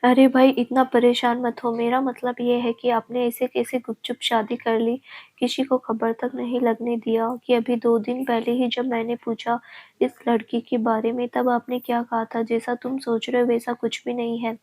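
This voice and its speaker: A woman's voice: a little high, monotone, normal speed, a little mellow, close to an everyday voice. A woman voicing a playful young man, the hero's cousin, in a storybook reading, teasing and chatty. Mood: complaining.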